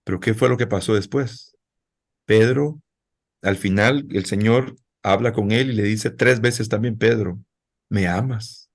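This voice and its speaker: A man's voice: lowish voice, unhurried. A male pastor preaching a sermon in a conversational way, speaking directly to his congregation.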